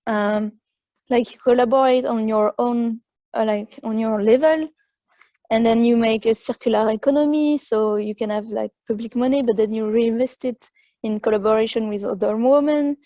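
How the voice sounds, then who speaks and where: A woman artist speaking as a guest in an informal panel discussion, explaining things in a tentative, halting way. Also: on the high side, fairly even intonation, warm tone, no room sound.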